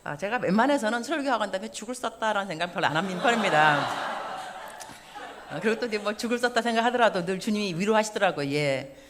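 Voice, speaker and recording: 50대 여성 선교사가 교회 예배에서 농담을 섞어 가며 유쾌하게 설교한다. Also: female voice, medium pitch, fast talker, noisy background. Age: 50s. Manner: lively, joking and self-mocking. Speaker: missionary preacher. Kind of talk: sermon. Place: church service.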